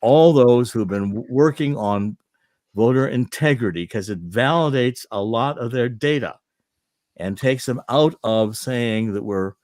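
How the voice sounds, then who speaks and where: A man appearing as a guest on a talk show, speaking in an earnest, insistent way with halting phrases. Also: mid-range voice, animated, a little mellow, dry recording, studio quality.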